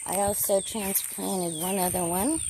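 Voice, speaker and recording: A woman's voice: mid-range voice, steady tone, measured pace, noisy background. A woman narrating a casual garden vlog outdoors, thinking aloud as she works. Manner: chatty, thinking aloud while working. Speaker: gardener filming her garden.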